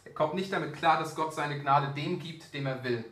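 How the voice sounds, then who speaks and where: A man preaching a sermon to a congregation, telling the story in a lively, colloquial way. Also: a little high, moderate pace. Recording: roomy echo, distant mic.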